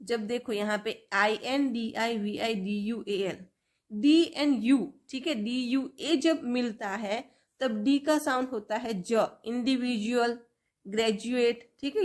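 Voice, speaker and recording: A woman teaching English phonics, drilling letter sounds and example words one at a time. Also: a little high. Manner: slow, drawn-out word-by-word drilling of sounds. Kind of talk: phonics lesson for learners.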